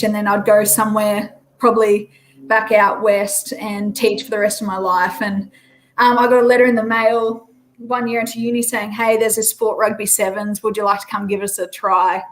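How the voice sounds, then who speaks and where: Flat-toned Australian woman, easygoing guest. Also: medium pitch, poor audio. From Queensland, Australia. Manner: relaxed, many fillers. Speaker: guest, former rugby player. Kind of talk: podcast interview.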